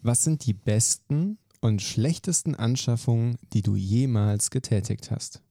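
Gravelly-voiced male podcast host. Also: medium pitch, dry recording, studio quality. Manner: brisk, lively questioning. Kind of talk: quick-fire question interview.

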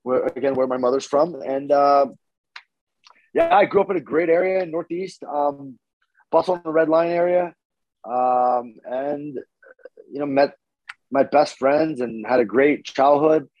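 A man's voice: fairly high pitch, measured pace, no echo. An easygoing young man tells his story in a loose, rambling way, full of fillers. The sound is dry and a little dull. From Northeast Philadelphia, born in Paris. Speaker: podcast guest. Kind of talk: casual interview chat.

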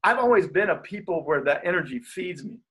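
This high, brisk male voice belongs to a pastor and coach who stutters. Speaking as a guest in a casual interview, he comes across as energetic and animated and is quick to laugh.

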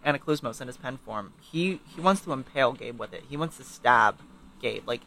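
A man recapping a novel in casual chat, animated and profane, sometimes reading passages aloud. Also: mid-range voice, fairly quick, gravelly, poor audio. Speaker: book podcast co-host.

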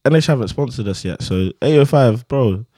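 Male podcast co-host, young, London roadman accent, medium pitch, slangy protesting banter. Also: expressive, a little fast, warm tone. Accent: London, urban roadman slang.

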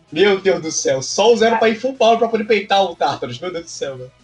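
A man's voice: high voice, animated, brisk. A man with a Brazilian accent bantering casually as a guest challenger, playful and full of exclamations. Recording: faint music behind.

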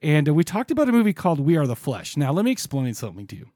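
A man with a fairly high-pitched voice hosts a podcast. He talks informally and jokily, as in casual chat, and the sound is dry and close. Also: huge pitch swings, very fast, warm tone, no room sound. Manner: informal, jokey, profane. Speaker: podcast host.

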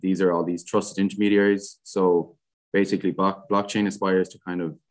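A young man with a west of Ireland accent, talking casually and haltingly as an interview guest. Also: low voice, little pitch movement. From Galway, west of Ireland. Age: young adult. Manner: hesitant, halting, frequent "like". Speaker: podcast guest, student society president.

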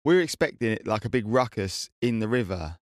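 A man's voice: on the low side, animated, a little fast, dry recording, studio quality. A young man, rambling through a casual recap of a trip, with swearing and tag questions.

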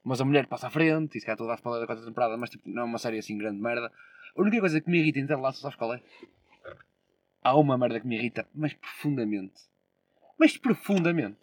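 A man's voice: mid-range voice, racing. A young man with a European Portuguese accent, chatting casually and slangily, with swearing, as a podcast co-host. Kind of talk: casual chat.

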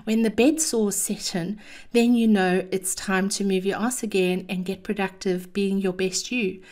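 A woman delivers a chatty motivational monologue as a podcast host. Her manner is theatrical and cheeky, mixing personal anecdote with encouragement. Her pitch sits in an average range for a woman. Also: fairly even intonation, unhurried, darkish tone.

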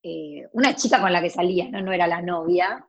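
A woman's voice: lowish voice, fairly quick, creaky. A woman in her forties with a Rioplatense Argentine accent, an actress chatting casually about her life, with many restarts and asides. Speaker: actress guest. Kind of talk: casual storytelling chat.

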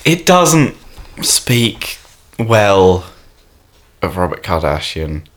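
A woman co-hosting a podcast in casual chat, laughing and chiming in with quick remarks. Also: a bass voice, big pitch swings. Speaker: podcast co-host.

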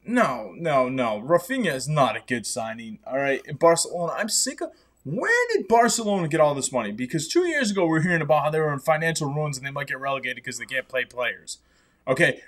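Man, fairly high pitch, emphatic, sarcastic, ranting, casual podcast. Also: very animated, quick pace, fairly bright tone. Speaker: podcast host. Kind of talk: casual chat.

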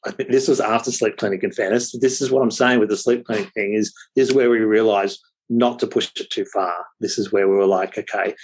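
A man, chatting casually about being a new father and telling lively stories with plenty of ums. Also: on the low side, brisk, breathy edge, low-quality recording. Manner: lively anecdotes with frequent fillers. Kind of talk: casual storytelling chat.

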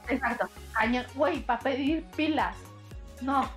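A woman's voice: high-pitched, unhurried, over music. A young woman in her twenties with a Mexico City accent, telling a story in casual, slangy chat and acting out the quotes.

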